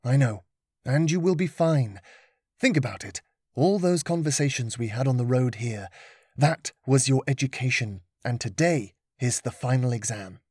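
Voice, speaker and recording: A man's voice: mid-range voice, expressive, normal speed, darkish tone, breathy edge, dry recording. A man reading aloud voices a patient male mentor who teaches with dry, teasing humour. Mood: encouraging.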